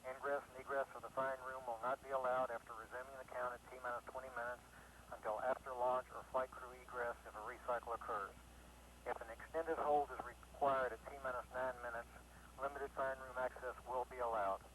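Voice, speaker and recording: A man talks quickly in a mid-pitched voice, delivering clipped launch procedures and call signs like a mission director. It comes over a radio intercom with faint noise. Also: steady tone, fairly bright tone, rough recording.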